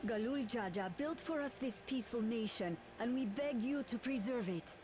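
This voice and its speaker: A woman's voice: a little high, animated, moderate pace, background noise, lightly acted. A woman playing an earnest, pleading townswoman in a video game, speaking formally of her nation. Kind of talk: video game cutscene acting.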